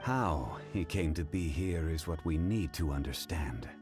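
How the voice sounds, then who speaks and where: An actor playing a calm, ancient and dignified man who speaks in a composed, formal way. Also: extremely low pitch, unhurried, music in the background. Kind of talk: game voice acting. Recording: game soundtrack behind.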